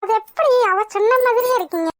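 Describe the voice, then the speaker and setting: A woman's voice: extremely high pitch, fast, dry recording, studio quality, soft background music. A woman voicing a young newlywed wife in a cartoon, sulky and questioning.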